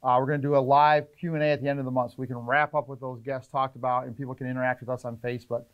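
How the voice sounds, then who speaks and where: A middle-aged man, a fishing charter captain, explaining trip planning in casual, energetic interview talk in an indoor tackle shop. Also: medium pitch, muffled recording. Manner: energetic, gestures a lot, lists points rapidly.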